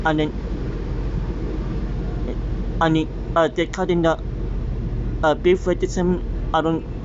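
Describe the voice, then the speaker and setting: Halting, flat-toned vlogger over loud traffic noise. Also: mid-range voice. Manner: halting, fragmented phrasing. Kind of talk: live spoken vlog commentary. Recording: dull audio, loud vehicle noise.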